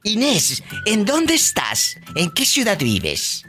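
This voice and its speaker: A loud, theatrical woman with a Mexican accent runs a live call-in radio show from the studio, teasing her callers. Her bright voice swings widely in pitch, with soft music playing behind her. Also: huge pitch swings, slow.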